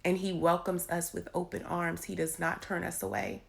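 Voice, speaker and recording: Casting: woman, raspy and gravelly lowish voice, informal faith encouragement, emphatic with repeated phrases. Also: little pitch movement, moderate pace. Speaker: faith vlogger giving encouragement. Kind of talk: informal devotional talk to followers. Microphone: handheld phone.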